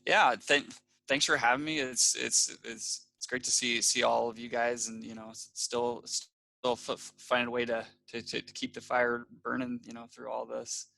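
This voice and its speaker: A man from Iowa speaking as a guest over a video call, his audio choppy and buffering with stutters and dropouts, so his words come out halting and repeated. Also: mid-range voice, level tone, creaky, sharp tone. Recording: distant, glitchy video-call line.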